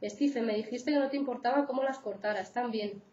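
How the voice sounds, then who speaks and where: A man caught in an abusive relationship, read aloud by a woman with a Spain Spanish accent, speaking plainly and pleadingly. The voice sits a little high. The sound is roomy and slightly dull, as in a lecture room. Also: fairly quick, mellow, far from the mic, lightly acted. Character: adult man, battered partner, narrator of the case.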